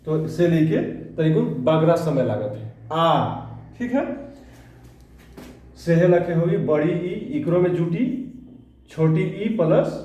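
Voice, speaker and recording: A male teacher giving an exam-prep grammar lesson. He goes slowly, repeats words and keeps checking in with the class. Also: high voice, warm tone. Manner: slow and repetitive, often checking in with the class. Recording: very echoey room, mic far away.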